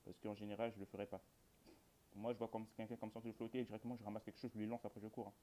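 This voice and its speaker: A man's voice: lowish voice, level tone, racing, dark tone. A man giving casual horror game commentary, rambling to his viewers in colloquial speech with dry jokes. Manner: rambling, addresses viewers, colloquial, dryly joking. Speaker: gamer, video host.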